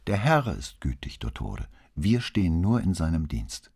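A man reading an audiobook voices a patient, devout young nun who speaks clearly and soothingly. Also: sits low, sing-song, measured pace, a little mellow, exaggerated voice. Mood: solemn.

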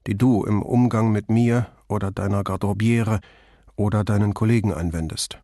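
A man playing a steady, blunt middle-aged police commissioner who talks in a firm, reasoning way. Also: on the low side, normal speed, no room sound, clean studio sound, lightly acted. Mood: resigned.

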